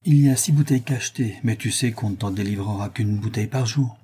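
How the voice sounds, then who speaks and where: Reader doing a cowed old fence: lowered, quiet, husky, grudging. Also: male voice, fast talker. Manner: subdued, grudging and low. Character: fretful older male fence, reluctant and grumbling. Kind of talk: audiobook character voice.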